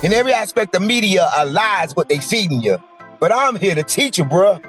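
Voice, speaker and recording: A man performing a rhythmic spoken word poem in a half-sung delivery, with a husky voice. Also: high voice, very animated, a little fast, fairly bright tone, faint music behind.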